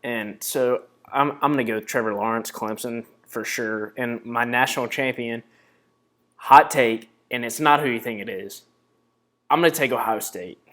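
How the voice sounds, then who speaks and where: A man's voice: medium pitch, moderate pace, a bit bright. A young man hosting a casual sports podcast, making emphatic, brash predictions. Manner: emphatic, brash hot takes. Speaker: podcast host.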